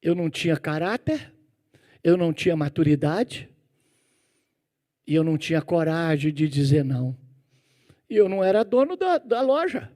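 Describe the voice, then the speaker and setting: High-voiced Brazilian pastor telling stories. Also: male voice, normal speed, long pauses. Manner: animated storytelling with sound effects, addresses the congregation directly. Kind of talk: sermon with personal storytelling. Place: church.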